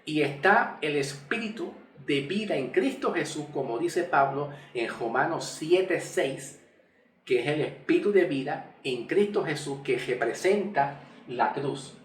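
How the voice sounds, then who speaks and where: A man teaching scripture slowly at a whiteboard, repeating and spelling out key words. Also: fairly high pitch, expressive. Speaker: Bible teacher. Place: room with a whiteboard. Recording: echoey room, mic far off.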